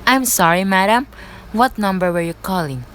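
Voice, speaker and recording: A woman's voice: medium pitch, expressive, normal speed, a bit bright, natural voice. Young woman as polite telephone operator, noisy recording. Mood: polite, puzzled. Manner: courteous, procedural. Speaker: student actor. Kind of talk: amateur radio play acting. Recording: clear background noise.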